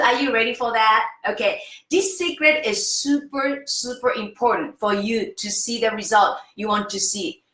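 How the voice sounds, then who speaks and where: A woman's voice: fairly high pitch, sharp tone, echoey room. Upbeat woman in her fifties teaching face yoga. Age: 50s. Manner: enthusiastic, keeps checking in with "okay?". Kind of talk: interactive online lesson.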